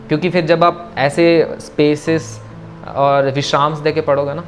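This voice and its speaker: A man teaching verse pronunciation in an online class, patiently repeating corrections and chanting lines slowly. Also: a little high. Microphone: video call.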